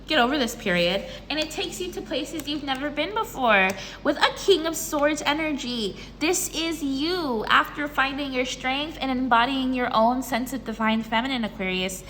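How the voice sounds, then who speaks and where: A woman doing a casual tarot reading in a bubbly, excitable, chatty way. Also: sits high, slight background noise. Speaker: tarot reader. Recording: reverberant room with faint ambience.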